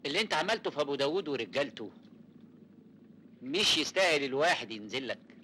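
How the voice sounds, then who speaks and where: An actor playing a smooth, confident, persuasive man with an Egyptian accent in a classic film. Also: mid-range voice, animated, quick pace, pushed and bright, slight background noise. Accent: Egyptian Arabic.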